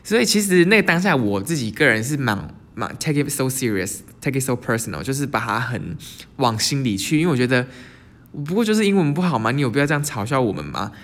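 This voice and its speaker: A young man from Taiwan hosts his channel with a lively, casual storytelling monologue, speaking fast in a mid-range voice. He sprinkles English words throughout his speech.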